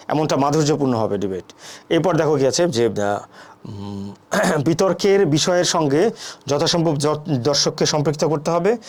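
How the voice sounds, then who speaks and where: A man with a fairly high voice, speaking, gives a debate lesson. He keeps asking his students a question and then answers it himself. His talk is full of "thik ache" and "ah" fillers. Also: a little mellow. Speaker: debate teacher. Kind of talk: classroom lecture.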